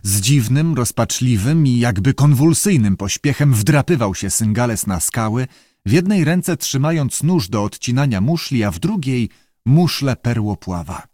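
A man reading an audiobook in measured, even storytelling narration. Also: medium pitch, no echo, clean studio sound.

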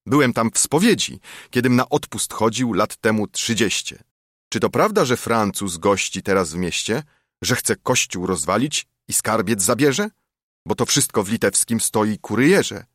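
A man's voice: fairly low pitch, expressive, moderate pace, fairly bright tone, dry recording, clean studio sound. A man voicing a credulous old provincial nobleman with an eager, questioning manner. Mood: curious.

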